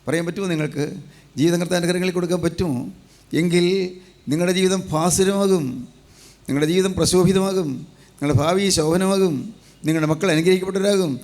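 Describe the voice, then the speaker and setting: A man's voice: sits high, fairly even intonation, fast, pauses often, darkish tone. A man preaching a sermon with an emphatic, repetitive cadence.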